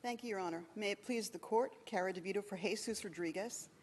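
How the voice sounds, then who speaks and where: A woman lawyer delivering a formal oral argument in a measured, deliberate manner in a courtroom. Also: medium pitch, darkish tone. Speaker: appellate lawyer. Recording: faint background noise.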